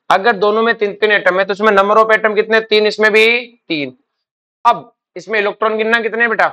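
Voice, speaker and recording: This chemistry teacher's voice sits high, sounding pushed and bright. Lecturing his class, he fires off question after question to quiz the students, supplies the answers himself, and addresses them as "beta".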